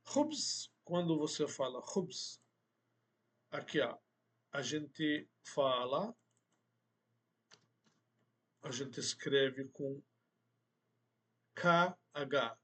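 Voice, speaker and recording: Slow, deliberate man teaching a lesson. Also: medium pitch, bright, forceful tone. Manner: slow, deliberate, repeats words for emphasis. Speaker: Arabic teacher. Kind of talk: language lesson.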